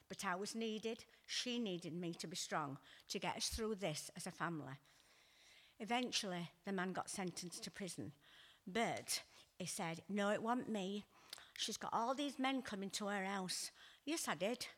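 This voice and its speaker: An older woman tells her own life story in a halting, emotional way. She restarts her sentences and sighs as she goes. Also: on the low side, fairly bright tone. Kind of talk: personal testimony.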